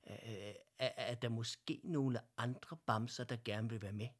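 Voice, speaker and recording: Guy voicing a shy stammery boy teddy bear, husky, unsure, kids story. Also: mid-range voice, fairly even intonation, close to an everyday voice. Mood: hesitant, puzzled. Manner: hesitant, stammering. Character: timid, puzzled male teddy bear.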